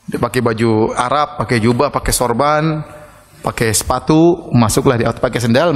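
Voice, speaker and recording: A man preaching a sermon in a casual, conversational way, telling stories and acting out the dialogue loudly. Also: medium pitch, long reverb tail. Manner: animated, acts out quoted dialogue with loud shouts. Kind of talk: sermon with storytelling.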